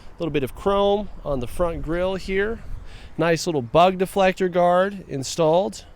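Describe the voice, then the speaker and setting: A man's voice: sits high, normal speed. A man giving a casual, chatty walkaround of a car for a dealership, making offhand remarks to himself as he moves from outside the car to its cabin. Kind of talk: casual vehicle walkaround narration. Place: outdoors around a car, then inside it.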